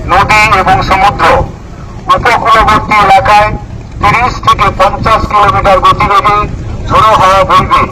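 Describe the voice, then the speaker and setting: A man delivers an official public warning. His delivery is flat, formal and measured, like instructions being issued by police. The outdoor recording is clearly noisy, with vehicles around. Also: high-pitched. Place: outdoors over a public address system.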